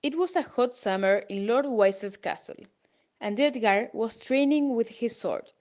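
A woman's voice: on the high side, lively intonation, a little slow, darkish tone. A woman reading a storybook aloud, plainly and with small slips.

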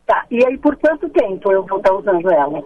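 A woman's voice: medium pitch, big pitch swings, a little fast, lo-fi sound, a little hiss or hum. A woman calling in, heard over the phone, mostly giving brief, polite agreeing replies. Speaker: caller.

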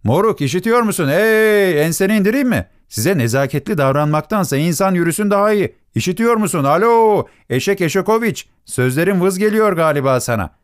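A man voicing a shrill, impatient young hunchbacked man who hurls insults in a storybook reading. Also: expressive, fairly quick, hardly any pauses, clean tone, dry recording, studio quality. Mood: mocking.

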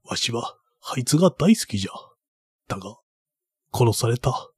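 A man voicing an old baron who is gentle and grieving and speaks in an old-fashioned way. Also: very animated, normal speed, breathy edge, no echo, clean studio sound. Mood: sorrowful. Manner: soft, low, old-fashioned phrasing.

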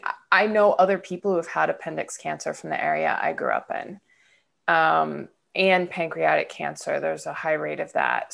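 Her lowish, gravelly voice carries a casual, rambling podcast conversation full of fillers and laughs. She is the host, and she comes from Ohio, USA.

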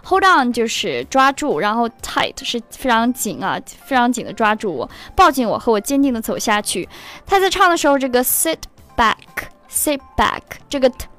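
A woman's voice: fairly high pitch, sing-song, fairly bright tone, soft background music. Woman teaching English through song lyrics. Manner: slows down to spell and repeat words.

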